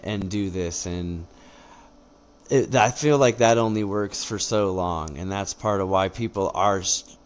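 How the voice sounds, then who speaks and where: Male competitor as interview guest, low register, measured and conversational, faint noise behind. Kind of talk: casual podcast interview chat.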